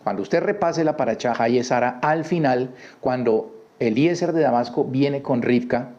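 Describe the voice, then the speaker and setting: Man, informal Bible teacher; warm low-key timbre, conversational with rhetorical questions, dull lo-fi recording. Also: normal speed. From Colombia. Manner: conversational, repeats words, asks listeners rhetorical questions. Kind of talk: informal Torah portion teaching.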